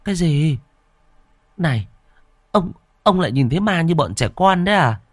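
A man voicing an elderly village wife who frets and scolds her husband in a high, shrill voice. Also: animated, no echo, clean studio sound. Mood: dismissive nagging. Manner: shrill, nagging, rapid scolding.

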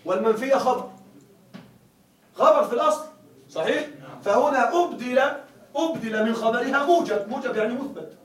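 A man with a high voice lectures on grammar and keeps checking with his students that they follow. He sounds distant from the mic, and the room adds a lot of echo. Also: brisk, pauses often. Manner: keeps asking students to confirm. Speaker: grammar teacher. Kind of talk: classroom lecture. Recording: echoey room, mic far away.

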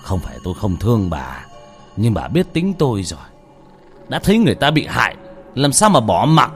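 A man's voice: low-pitched, huge pitch swings, fairly quick, warm tone, soft background music, heavily acted. Man playing a grave old exorcist. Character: old male exorcist, stern and resigned.

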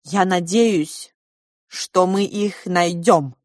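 A woman voicing a brooding, thoughtful grown man who speaks in slow, measured phrases. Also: fairly low pitch, no echo, clean studio sound. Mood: grave.

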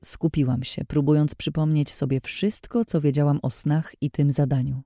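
Dry, mellow male audiobook narrator. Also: on the high side, level tone, moderate pace, dry recording. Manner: tense, dramatic first-person reading.

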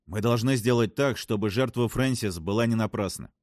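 A man reading an audiobook, voicing a serious, reasoning male ship officer in a measured, stern tone. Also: lowish voice, a little mellow, dry recording, clean studio sound, close to an everyday voice.

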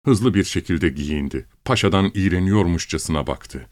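A man narrating a classic short story in a steady, measured audiobook reading. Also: low-pitched, no echo.

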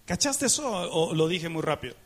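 High-voiced pastor preaching. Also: male voice, very animated, a little fast, slightly rough. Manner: asks the congregation questions, rhetorical and emphatic; acts out dialogues with God in prayer. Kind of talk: sermon.

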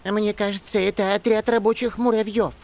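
A calm, measured male elf from a storybook audiobook, as the reader plays him, who gives careful advice. He hesitates and stammers when frightened, and speaks of himself by name. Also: mid-range voice, pitched above the performer's own voice, lightly acted. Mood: cautious. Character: wise but timid male elf, afraid of spiders. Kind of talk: audiobook character voice.

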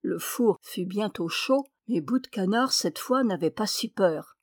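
A woman's voice: medium pitch, unhurried, no echo, clean studio sound. Woman reading a fairy tale aloud. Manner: lively expressive reading. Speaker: storyteller.

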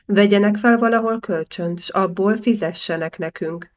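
Here a woman reads for the same kind of character, an older male banker who is shrewd and calculating. Her delivery is smooth and persuasive, pitched in the middle and only lightly acted.

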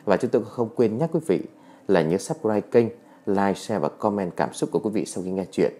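A man's voice: lowish voice, expressive, moderate pace, warm tone. A man hosting a story channel, addressing listeners politely and formally. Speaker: channel host. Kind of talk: casual channel announcement.

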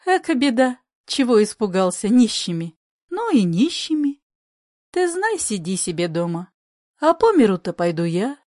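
A woman reading an audiobook, voicing a kind old grandmother who speaks softly and earnestly. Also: on the high side, sing-song, normal speed, no echo, clean studio sound. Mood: pleading. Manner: soft and earnest.

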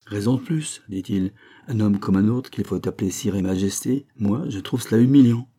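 A man's voice: on the low side, moderate pace, dark tone, husky. A man voicing a sly, mocking stranger near fifty in a read-aloud novel. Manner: mocking, wry.

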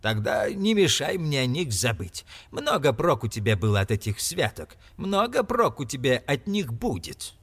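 A man's voice: sing-song, moderate pace, hardly any pauses, a bit bright, slightly rough, full character voice. A man reading an audiobook, voicing a miserly, grumpy old man who scolds and mocks. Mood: curt. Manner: scolding, mocking, raised pitch.

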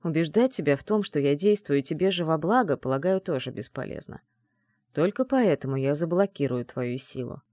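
A man voicing an arrogant male mage mentor who taunts in a calm, low, mocking tone, in an audiobook. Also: normal speed, dry recording, clean studio sound, close to an everyday voice. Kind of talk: audiobook dialogue reading.

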